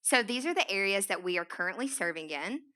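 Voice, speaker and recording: A nonprofit founder from East Tennessee speaks to an audience with an Appalachian Southern accent, keeping the talk informal, chatty, and self-deprecating. Her mid-range voice has a sharp tone, and she's animated and talks fast.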